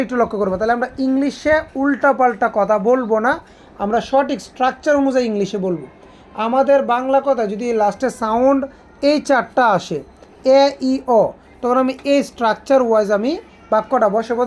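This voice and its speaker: A woman's voice: a little high, a little mellow. A woman English teacher, giving a classroom grammar lesson and asking her students questions again and again. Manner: asks students repeated questions.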